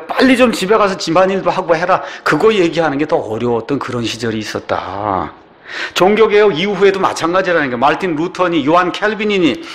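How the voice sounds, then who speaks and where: An older man preaching a sermon as a pastor, often asking his listeners questions. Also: fairly high pitch. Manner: animated, asks the congregation questions.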